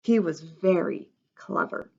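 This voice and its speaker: In lo-fi audio, a woman with a lowish voice and vocal fry reads a picture book aloud for young listeners. She takes her time, reads expressively, and offers simple explanations as casual asides.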